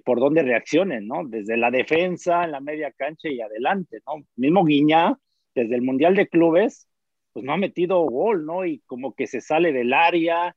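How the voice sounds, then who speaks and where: A man's voice: mid-range voice, a little mellow, no echo, highs cut off. A man with a Mexican accent, a former player, talking football in casual chat, hesitant and full of fillers and tag questions. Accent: Mexican Spanish.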